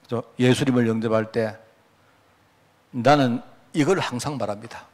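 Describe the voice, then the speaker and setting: A male pastor, preaching a sermon in an animated storytelling manner and acting out quotes. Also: medium pitch, normal speed.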